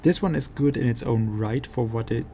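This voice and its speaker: A man giving casual gameplay commentary as a streamer, halting as he thinks aloud. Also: mid-range voice, mellow, a little hiss or hum. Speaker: game streamer. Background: game music.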